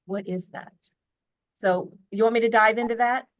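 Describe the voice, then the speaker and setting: With a fairly even, higher-pitched voice at normal speed, an American woman tells a family story as a podcast guest on a video call. The audio has no echo, and her chatty, earnest delivery is full of fillers and restarts.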